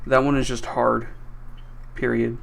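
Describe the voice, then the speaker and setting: A man's voice: medium pitch, level tone, unhurried, gravelly, a bit bright. A man chatting casually with a friend on a stream, often stammering as he tells stories.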